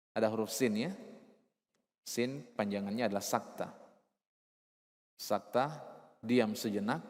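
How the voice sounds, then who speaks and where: A man teaching recitation rules, explaining with rhetorical questions and repeating key terms, sometimes slowly chanting verses. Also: fairly low pitch, in a large hall. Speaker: Arabic and Quran recitation teacher.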